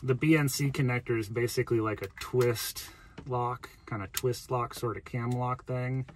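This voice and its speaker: Sitting in a parked van's cab, a thirty-something male video host explains his gear informally and hands-on. He speaks at a moderate pace in a mid-range voice with fairly even intonation, over slight background noise.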